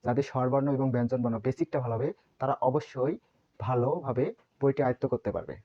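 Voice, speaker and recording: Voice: medium pitch, steady tone, fast talker, mellow, muffled recording. Patient teacher drilling sounds. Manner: patient, repeats each sound many times as a drill. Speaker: Korean language teacher. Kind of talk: online language lesson.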